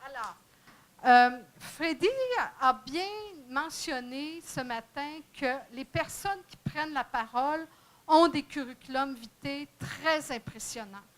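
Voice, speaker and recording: A woman's voice: high voice, slow, a bit bright. A woman moderating a conference panel, introducing speakers with many fillers and restarts. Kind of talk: bilingual conference panel hosting. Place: conference room.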